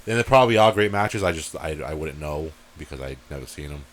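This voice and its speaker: A man's voice: very deep voice, lively intonation, fast. A man co-hosting a podcast in casual chat, teasing and playfully challenging the others. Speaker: podcast co-host.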